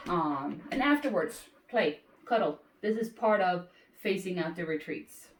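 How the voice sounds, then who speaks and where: A woman dog trainer with a lowish, animated voice talks unhurriedly and casually through a training session. She explains as she goes, breaking off to praise and cue the dog. The recording is roomy, with a distant mic and faint noise.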